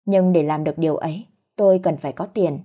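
A woman narrating a first-person story in a measured, dramatic way. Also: low-pitched, dark tone.

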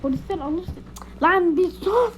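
A woman gaming YouTuber giving jittery, fast-talking gameplay commentary. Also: very high voice, lively intonation, a little hiss or hum, poor audio. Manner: jittery, talks fast when frightened. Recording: loud background game music.

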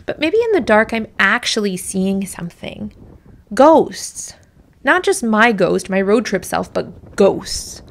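A woman's creaky, mid-range voice carries a reflective personal essay, read from a script as a voice-over with music behind it. She sounds expressive and slow, wistful and musing, and at moments her voice drops nearly to a whisper.

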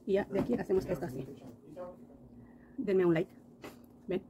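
A woman's voice: mid-range voice, fairly even intonation, moderate pace, a crowd in the background, low-quality recording. A woman chatting through a casual makeup tutorial, talking to her viewers with lots of diminutives. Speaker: makeup vlogger.

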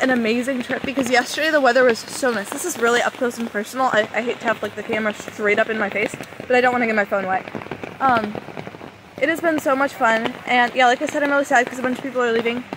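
A woman's voice: sits high, noisy background. A young woman chatting casually to a vlog, raising her voice to be heard over heavy rain drumming on her umbrella, recorded outdoors on a phone. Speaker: vlogger. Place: outdoors at a campsite under an umbrella in pouring rain. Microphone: phone at arm's length, close to face.

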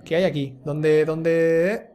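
Spain-accented male streamer, live play-by-play, jumpy, cusses, a bit high-voiced. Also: slow. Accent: Spain Spanish. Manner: excitable, swearing, yelling when startled. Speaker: gaming streamer. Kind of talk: live gameplay commentary.

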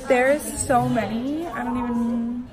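Bubbly young sorority girl, high voice. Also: measured pace, crowd noise. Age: young adult. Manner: bubbly, excitable college sorority girl, slangy. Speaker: vlogger, sorority member. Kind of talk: casual vlog chat. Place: campus patio, halls and bedroom. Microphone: phone at arm's length. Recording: noisy phone recording, background room noise.

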